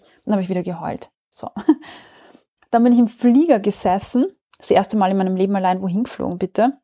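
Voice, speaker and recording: A woman's voice: mid-range voice, mellow. A woman telling a personal story in conversation, candid and emotional, often restarting her sentences.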